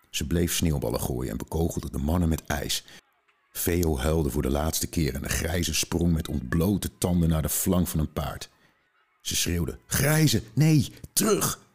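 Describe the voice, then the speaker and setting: A male podcast host reading a children's book aloud and summarizing its story in a calm, measured way. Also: rumbling low, husky.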